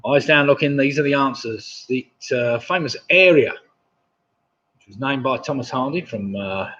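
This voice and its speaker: Husky older man hosting a pub quiz. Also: mid-range voice, measured pace, pushed and bright. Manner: chatty, chuckling at viewers' jokes. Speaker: quizmaster. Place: home room, indoors. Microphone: webcam mic, seated at desk. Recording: dull lo-fi webcam audio.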